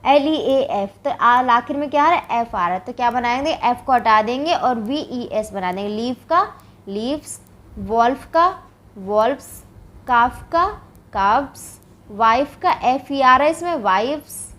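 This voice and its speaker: A woman's voice: on the high side, lively intonation, measured pace, a bit bright. A woman from India teaching English grammar, explaining step by step and answering her own questions. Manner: says "ठीक है" often as a check-in. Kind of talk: classroom grammar lesson.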